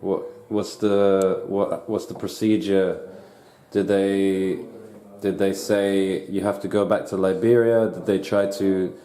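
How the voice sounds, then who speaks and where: A man interviewing someone, asking questions haltingly and restarting them. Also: low-pitched, flat delivery, warm tone, roomy sound.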